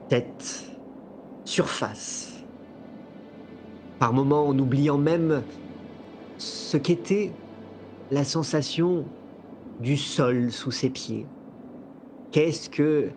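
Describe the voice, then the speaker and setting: A man works as game master, telling a tabletop fantasy story. His voice is medium in pitch and theatrical, unfolding slowly and deliberately over soft music. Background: soft music bed.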